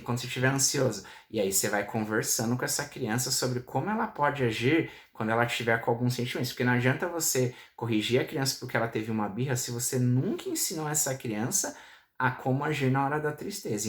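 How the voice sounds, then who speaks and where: A man of middling pitch talks parents through advice, speaking directly and circling back to his points. He keeps checking that his listeners are following. The room around him rings with echo. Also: a bit bright. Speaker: parenting educator. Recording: echoey room.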